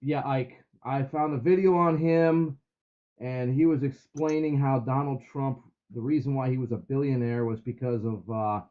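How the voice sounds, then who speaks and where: A man's voice: medium pitch, fairly even intonation, normal speed. A man speaking over a phone with earbuds that sound muffled, as if heard through a wall, talking hesitantly with many ums. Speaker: call-in participant. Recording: muffled dull phone line.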